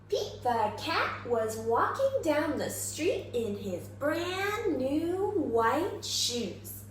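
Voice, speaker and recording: The recording rings with strong room echo over faint noise. A woman with a high voice reads and teaches for young children as a kindergarten teacher. Her delivery is exaggerated and very lively, inviting listeners to answer. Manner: expressive, exaggerated, prompts listeners with questions. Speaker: kindergarten teacher reading aloud. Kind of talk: animated children's read-aloud and simple lesson.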